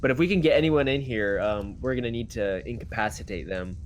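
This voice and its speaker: A man with a medium-pitched voice plays a tabletop game. He lays out plans in casual, conversational talk, with light noise in the room. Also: brisk. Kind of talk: casual in-game planning chat.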